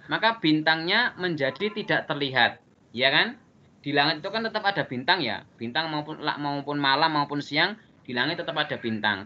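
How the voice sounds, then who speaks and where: A man's voice: fairly high pitch, pushed and bright. A man teaching a Quran reading lesson in an online class, explaining rules patiently and often checking that students understand. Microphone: video call. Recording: muffled online call audio.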